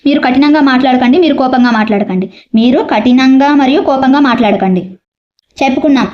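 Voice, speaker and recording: A woman teacher, explaining a grammar lesson and slowly repeating examples. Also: high voice, highs cut off. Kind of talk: exam-prep grammar lesson.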